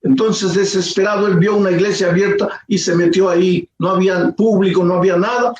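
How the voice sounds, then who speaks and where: A man pastor telling a story in a sermon, dramatic, swinging between soft slow lines and raised pleading. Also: high voice, fairly even intonation. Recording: roomy echo with faint ambience.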